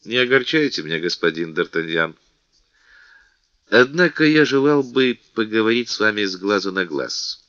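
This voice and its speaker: A gloomy, timid prison governor, read aloud by a man in a storybook. His voice is low and bright with a wide pitch range. The recording is dry and slightly dull. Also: animated, normal speed, no room sound. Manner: timid, mournful.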